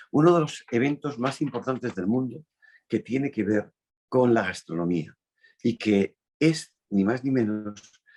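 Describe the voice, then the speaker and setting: A man from Spain hosting an interview, speaking emphatically with drawn-out phrases and falling endings. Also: medium pitch, a little mellow, husky. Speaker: host.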